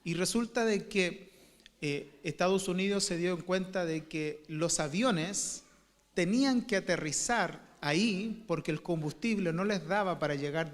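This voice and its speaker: A male pastor preaching a sermon, telling a story slowly with many fillers and restarts. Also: fairly high pitch. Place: church. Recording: long church hall reverb.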